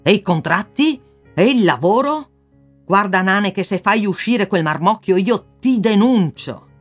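A man voicing a furious factory owner who shouts threats at his worker. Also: high-pitched, expressive, measured pace, soft background music, pitched above the performer's own voice. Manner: angry, threatening.

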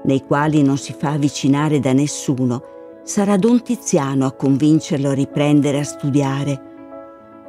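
Mellow presenter over soft music. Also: mid-range voice. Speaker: program presenter. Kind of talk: scripted recap narration.

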